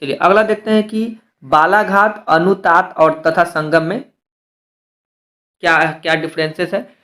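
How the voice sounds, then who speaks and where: A man teaching a step-by-step grammar lesson for exam preparation. He slows down to spell out letters one by one and keeps asking rhetorical questions before he answers them. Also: high-pitched, fairly even intonation, bright, forceful tone.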